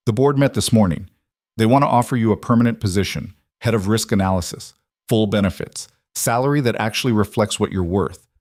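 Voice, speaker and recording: A man's voice: fairly low pitch, a little fast, darkish tone, no room sound, clean studio sound, close to an everyday voice. A man voicing a determined woman executive who speaks earnestly and persuasively.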